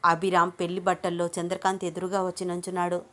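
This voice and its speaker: A woman storyteller reading a scripted love story with steady, expressive narration. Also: on the low side, fast.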